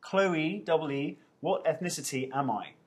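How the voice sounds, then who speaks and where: This thirtysomething actor chats casually at home, reading out questions from viewers and poking fun at himself as he answers. His voice is fairly high and husky, the pace moderate, picked up by a webcam microphone.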